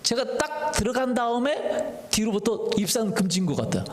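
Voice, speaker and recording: A male pastor with a fairly high voice preaches a Sunday sermon, regularly firing questions at the congregation and slipping into a chatty personal story. His voice rings through a roomy church sanctuary, trailed by a long echo. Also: expressive, moderate pace. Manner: tells a personal story conversationally. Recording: echoey church hall reverb.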